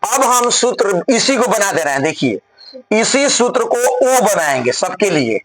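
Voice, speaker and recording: High-voiced, unhurried physics teacher, man. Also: big pitch swings, fairly bright tone, low-quality recording. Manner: explains step by step, often asks the class if they follow. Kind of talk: classroom lecture solving a problem on the board.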